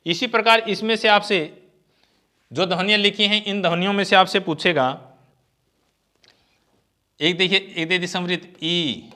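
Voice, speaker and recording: A man gives an exam-prep grammar lecture in a slightly high voice. He keeps asking rhetorical questions and answering them himself. He stretches out vowel sounds as he demonstrates them. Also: measured pace, pauses often, bright, forceful tone. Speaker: teacher.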